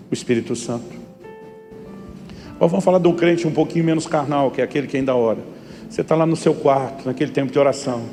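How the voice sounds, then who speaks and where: Middle-aged Brazilian pastor, fast storytelling sermon delivery, hall reverb, faint music underneath. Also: male voice, a little high, dark tone. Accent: Brazilian Portuguese. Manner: storytelling preacher who acts out dialogue.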